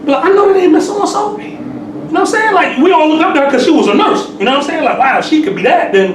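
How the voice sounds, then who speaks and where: Casting: man in his forties, high-pitched, streetwise sermon delivery, recorded from afar. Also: expressive, fast talker, far from the mic. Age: 40s. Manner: streetwise, peppered with "you know what I'm saying". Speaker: temple sheik. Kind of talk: conversational sermon. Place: temple hall. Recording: echoey room, mic from afar, hissy.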